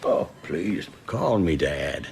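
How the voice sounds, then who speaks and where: An actor playing an older father figure in a comedy series, gruff and affectionate, with a gravelly voice and a slow delivery. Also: very deep voice, sing-song, darkish tone, slight background noise, exaggerated voice. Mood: warm. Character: elderly man, a long-lost father, gruff and affectionate. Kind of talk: sitcom acting.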